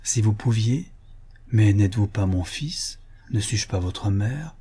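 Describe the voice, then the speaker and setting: A man reading the part of a gentle older mother, a countess, pleading affectionately with her future son-in-law. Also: lowish voice, lively intonation, slow pace, husky, full character voice. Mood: tender pleading. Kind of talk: audiobook character reading.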